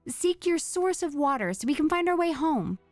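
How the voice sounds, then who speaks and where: A man doing a high falsetto little gnome girl. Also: big pitch swings, moderate pace, dry recording, soft background music. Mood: polite. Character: small brave female gnome-like girl.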